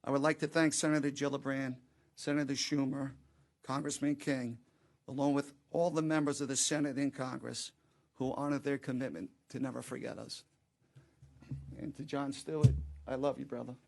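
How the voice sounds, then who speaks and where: A man's voice: mid-range voice, flat delivery, normal speed, vocal fry, darkish tone. A man who is a first responder, giving a solemn, grateful prepared speech at a press conference.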